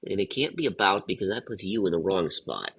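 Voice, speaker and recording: A man who is under the weather with a cough, husky and congested, haltingly thinking aloud as he hosts a casual word puzzle video. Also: low-pitched, lively intonation, fairly bright tone.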